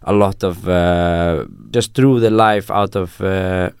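A man's voice: deep voice, steady tone, slow, smooth, no room sound, studio quality. A young Icelandic man whose first language is Icelandic, speaking as a musician guest in a casual interview, hesitant with many fillers and restarts.

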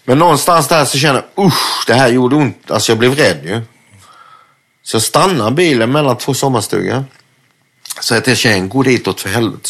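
A man, an interview guest, telling a story casually with lots of swearing and acted-out quotes. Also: medium pitch. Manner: vivid, swears freely, acts out quotes.

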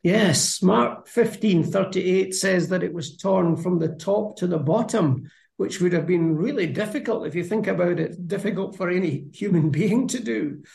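A man's voice: high voice, moderate pace, vocal fry, a little mellow, roomy sound. A man co-hosting a conversational Bible discussion, explaining passages in a thoughtful, earnest way. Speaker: Bible study co-host.

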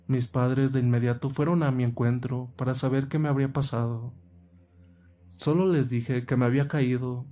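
Man, first-person horror narration, measured, mid pitch, background music. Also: dark tone. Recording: music playing under the voice.

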